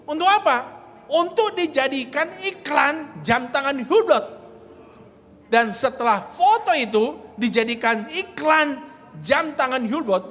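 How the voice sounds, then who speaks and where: A male pastor telling a story in a sermon, animated, swinging between soft asides and loud exclamations. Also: very high-pitched. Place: church hall. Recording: long hall reverb, faint ambience.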